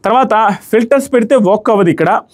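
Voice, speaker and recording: Fast-talking high-voiced male reviewer. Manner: rapid, analytical, mixes in English phrases. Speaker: reality show reviewer. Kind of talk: casual commentary to camera.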